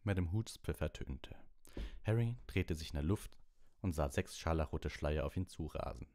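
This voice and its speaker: A man narrating a storybook aloud, reading in a lively way and acting out the dialogue. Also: extremely low pitch, normal speed. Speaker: audiobook narrator.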